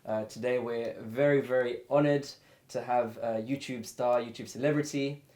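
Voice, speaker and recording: A man's voice: medium pitch, steady tone, normal speed, dark tone. A man hosting a casual interview, asking questions in a loose and friendly way with plenty of fillers. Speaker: host, interviewer.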